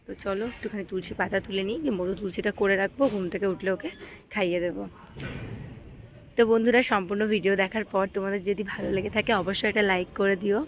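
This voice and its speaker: A woman's voice: mid-range voice, fairly even intonation, quick pace. Mom vlogging on her phone, easygoing chatty talk, bit of faint noise around. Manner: chatty and homely, fillers like "tho chalo". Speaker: vlogger and mother. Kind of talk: casual home vlog talk to viewers. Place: home and rooftop, partly outdoors.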